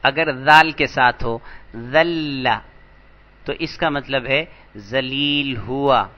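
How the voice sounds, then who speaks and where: A man teaching an Arabic grammar lesson, patient and slow, repeating each word for emphasis. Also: medium pitch, highs cut off. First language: Urdu. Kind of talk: lecture explaining vocabulary.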